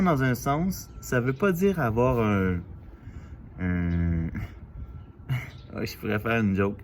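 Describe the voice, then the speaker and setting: A man from Quebec with a Quebec French accent, musing aloud in a casual vlog, halting and full of fillers, outdoors in a city alley. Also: lowish voice, a little mellow, a little hiss or hum. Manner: thoughtful, halting, with many fillers and restarts. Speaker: vlogger. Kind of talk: casual reflective monologue.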